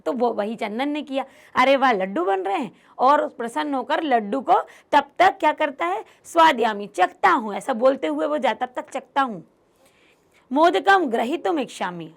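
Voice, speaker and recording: A woman teacher with a high voice explains a Sanskrit text word by word. She reads each line aloud, then translates it, giving the characters' speech a livelier delivery. Her voice has a gravelly, fry-edged texture. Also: lively intonation, normal speed. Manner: acts out the characters' lines in a livelier voice.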